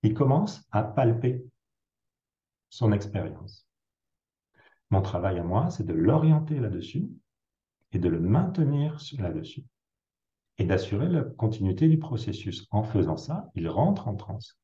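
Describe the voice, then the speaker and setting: A man with a low, very dark voice talks through clinical cases as an interview guest. He explains step by step and pauses often to search for words, while his pitch moves expressively. The recording sounds roomy and a little dull, like a lo-fi room capture. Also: very animated. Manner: explains with worked examples, frequent hesitations. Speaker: psychiatrist guest.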